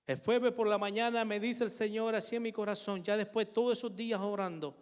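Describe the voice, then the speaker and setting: A man's voice: high-pitched, fairly even intonation, brisk. An older man preaching a sermon and telling a personal testimony in an earnest, emotional way, often calling his listeners brothers. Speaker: pastor. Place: church. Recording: long hall reverb in a church.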